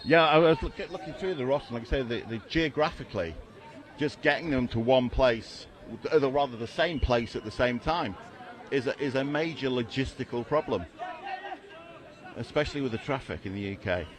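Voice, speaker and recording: A man's voice: medium pitch, fairly quick. An English man giving live color commentary on a match, chatty with dry, self-mocking humor. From England.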